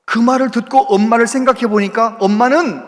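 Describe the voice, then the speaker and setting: A man's voice: very high voice, fairly quick, fairly bright tone. A male pastor preaching a sermon, telling a story with a voice that climbs and drops sharply. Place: large church sanctuary. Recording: church hall reverb.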